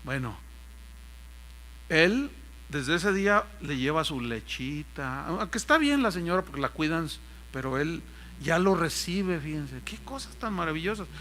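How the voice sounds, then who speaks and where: Mexican pastor preaching, bright high voice. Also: male voice, expressive, measured pace, slight background noise. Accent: Mexican Spanish. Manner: folksy storytelling, mimics voices in anecdotes. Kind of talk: sermon.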